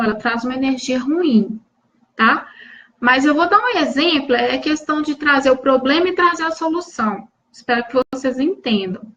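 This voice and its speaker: A woman's voice: high voice, fairly bright tone, lo-fi sound. A woman from Brazil hosting a live stream, coaching viewers in an earnest, restarting way and answering them by name.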